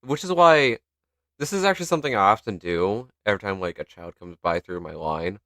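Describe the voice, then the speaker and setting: Animated young man in casual chat. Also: fairly low pitch, brisk, no echo, studio quality. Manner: animated, laughs loudly, swears. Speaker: podcast co-host.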